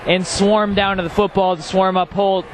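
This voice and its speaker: A man's voice: high-pitched, flat delivery, moderate pace. A man giving casual, colloquial live color commentary on a football game. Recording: clear noise behind voice.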